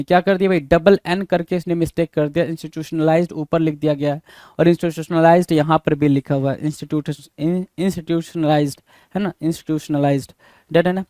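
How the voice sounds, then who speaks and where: High-voiced man spelling out words. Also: darkish tone, dry recording, studio quality. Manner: repetitive, rhetorical questions, calls students "bhai". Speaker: English spelling teacher. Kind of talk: exam prep lesson, spelling out words letter by letter.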